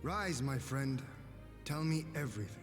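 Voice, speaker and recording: An actor playing a composed, noble lord in a video game, speaking in formal, deliberate, archaic phrases. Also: male voice, mid-range voice, expressive, natural voice. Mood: stern, commanding. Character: noble male lord and leader, grave, composed, stirring. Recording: long hall reverb, faint music.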